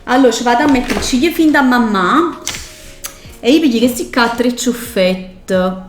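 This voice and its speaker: A woman's voice: fairly high pitch, animated, moderate pace. A young woman with a Neapolitan accent chatting casually through a makeup tutorial as she works. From Naples area, Italy. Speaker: beauty vlogger doing her mother's makeup. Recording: roomy echo, music behind.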